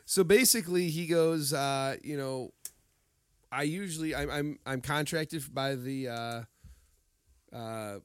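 A man's voice: fairly high pitch, takes it slowly, smooth, dry recording, studio quality. A man co-hosting a podcast, telling stories in casual chat, acting out quotes and laughing often. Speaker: podcast co-host.

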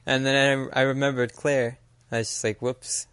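A man's voice: mid-range voice, flat delivery, normal speed, fairly bright tone, smooth, no room sound. An American man co-hosting a podcast, talking casually and rambling with lots of "like" fillers. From United States. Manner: rambling, filler-heavy, frequent "like". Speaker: podcast co-host. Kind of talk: casual chat.

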